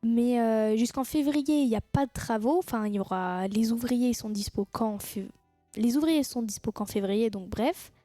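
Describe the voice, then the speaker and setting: A woman's voice: fairly high pitch, moderate pace, mellow, no echo, soft background music. A woman chatting casually with her viewers on a live stream, teasing them and laughing at her own jokes.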